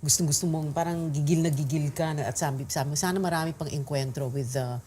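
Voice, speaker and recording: A woman's voice: sits low, steady tone, fast talker, dark tone, a little hiss or hum. A woman with a Filipino accent anchoring news and interviewing a guest in a studio, chatty and switching between English and Tagalog.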